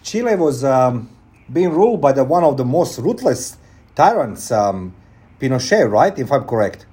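A man with a mellow, warm tone hosts a radio talk show. He rambles a little, repeating words and leaning on fillers as he introduces and questions his guest. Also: mid-range voice, very animated, normal speed. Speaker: radio host.

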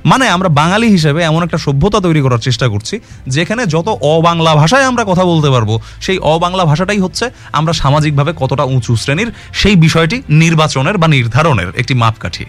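A man's voice: on the high side, expressive, fairly quick. A man giving an earnest explanatory talk, arguing his point with rhetorical questions and dropping English words into his speech. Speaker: commentator on language.

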